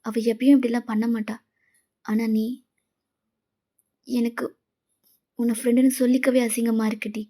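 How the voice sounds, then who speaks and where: Woman doing a scolding young woman friend, mellow voice, a bit high. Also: level tone, normal speed, pauses often, close to an everyday voice. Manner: scolding, accusing. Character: angry young woman, the heroine's best friend.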